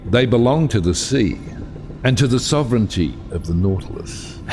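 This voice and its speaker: An actor playing a proud, brooding, self-exiled submarine captain in an audio drama, with grandiose, deliberate, theatrical delivery and a gravelly voice. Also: male voice, medium pitch, expressive, background noise, close to an everyday voice.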